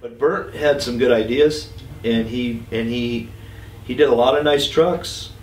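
A man's voice: medium pitch, a little slow, slight background noise. Man telling loose shop stories. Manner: loose, profane storytelling. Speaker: truck builder interviewee. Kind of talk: casual interview anecdote. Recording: distant mic, roomy echo.

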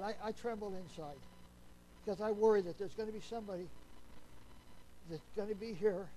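A man with a notably high voice preaching a Sunday sermon in a plain, folksy manner. He keeps putting questions to the congregation and sinks to a hushed voice when he reaches solemn points. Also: slight background noise, rough recording.

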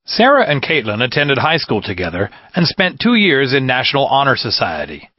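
A man's voice: mid-range voice, huge pitch swings, brisk, slightly rough, dry recording, lo-fi sound. A man reading a scripted narration in an announcing manner.

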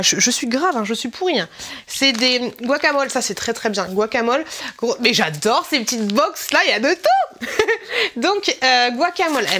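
A woman's voice: a little high, pushed and bright, slight background noise. Chatty, giggly French-speaking woman vlogger. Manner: chatty and giggly, exclaims often. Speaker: YouTuber opening a swap package. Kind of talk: casual unboxing chat.

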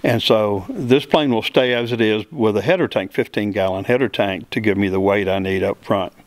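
The guest, a middle-aged builder and pilot, gives plain, step-by-step answers full of fillers at a normal speed in a lowish voice. He's recorded in an open hangar on a handheld mic held by the interviewer, with no echo.

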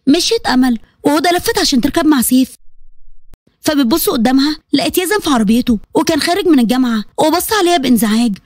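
A woman with an Egyptian Arabic accent narrating a story in the first person, lively and exclamatory. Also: high voice, fast, no room sound, clean studio sound.

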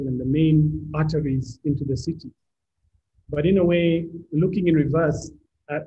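A male architect from Kenya presenting a design talk over slides, measured, often restarting his phrases. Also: a little high, creaky, dark tone, breathy edge. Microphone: video call. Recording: dull lo-fi video call audio with faint noise.

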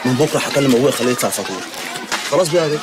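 A man's voice: mid-range voice, lively intonation, very fast, a loud crowd, close to an everyday voice. An actor playing an easygoing, teasing young Egyptian man in a TV drama, with an Egyptian Arabic accent. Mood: casual. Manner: casual, teasing. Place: outdoor street. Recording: busy noisy street.

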